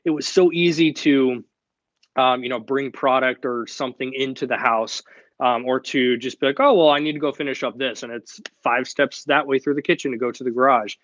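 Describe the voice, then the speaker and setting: A man's voice: medium pitch, steady tone, moderate pace, fairly bright tone, no echo, highs cut off. A young man hosting a live online Q&A, talking casually and directly. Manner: casual and direct, chatty with fillers. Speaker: host of a live Q&A stream.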